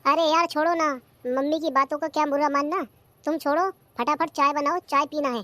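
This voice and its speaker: A performer voicing an idle, demanding young husband in a cartoon comedy. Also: male voice, very high voice, fairly even intonation, fairly quick, pushed and bright, no room sound. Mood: exasperated.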